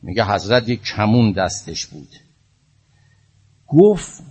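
A man preaching a religious sermon with a husky, fairly low voice. He tells the story in a lively way and builds up to passionate appeals.

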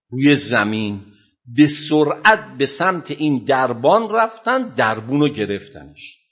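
A male preacher retells a religious story in a sermon, with a husky, slightly rough voice. His pitch rises and falls widely as he dramatizes the scene. Sudden loud bursts punctuate the telling.

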